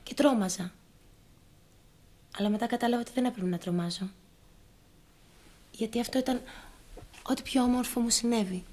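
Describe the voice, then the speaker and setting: A woman's voice: a little high, long pauses, warm tone, natural voice. An actress playing an earnest woman in love. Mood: tender. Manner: earnest, pleading. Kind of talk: TV soap drama acting.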